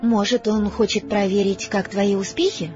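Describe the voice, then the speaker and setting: A man voicing a clever, bossy teenage girl in an audiobook, brisk and earnest. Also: high-pitched, fairly even intonation, a little mellow, soft background music, voice pushed up, lightly acted. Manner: brisk, earnest, a little lecturing. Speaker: audiobook character voice. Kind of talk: audiobook character reading. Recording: slightly dull, dry recording.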